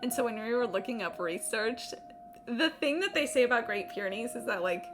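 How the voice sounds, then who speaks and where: On a gaming livestream with game music playing, a young woman chats casually in an informal, rambling, sweary way. Her voice is fairly high, expressive, and fairly quick.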